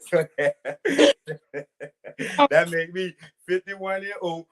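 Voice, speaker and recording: A man's voice: high voice, drawn-out words, fairly bright tone. A man with a New Orleans accent hosting a podcast, joking and laughing often in casual chat. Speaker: podcast host.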